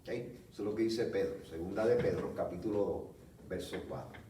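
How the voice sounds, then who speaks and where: A man preaching a teaching sermon, explaining slowly and checking in with his listeners. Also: fairly low pitch, dark tone. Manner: slow, explanatory, frequent "¿ok?" check-ins. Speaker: pastor. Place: church hall. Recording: echoey room from a distance, faint background noise.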